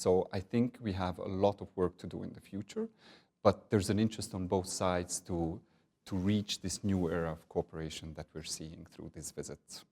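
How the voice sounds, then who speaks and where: Guy, deep voice, slow diplomatic answers w lots of uhs. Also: mellow. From Hungary. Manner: measured, diplomatic, with frequent filler pauses. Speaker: NATO partnerships director, guest. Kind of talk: interview answers.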